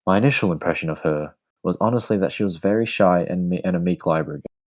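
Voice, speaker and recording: A man reading a romantic story aloud as a podcast host, in a calm, measured way. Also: sits low, low-quality recording.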